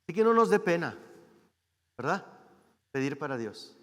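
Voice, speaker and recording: Mexican guest preacher in a reverberant church. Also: male voice, a little high, very animated, normal speed. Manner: conversational, asks the congregation rhetorical questions. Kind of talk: sermon. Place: church hall.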